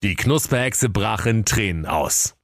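A man's voice: on the low side, lively intonation, measured pace, vocal fry, no echo. A man narrating a comic fairy tale in a dry, playful storytelling manner.

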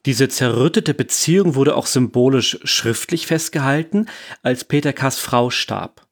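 Guy on a crime podcast, middle pitch, reads his script pretty matter-of-fact. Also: measured pace. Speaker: podcast co-host.

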